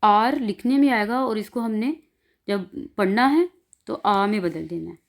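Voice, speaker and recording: A woman with a Pakistani Urdu accent teaching an online class, speaking slowly and drawing out and repeating each example sound. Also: medium pitch, animated, gravelly. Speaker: language teacher. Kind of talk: online class explaining pronunciation.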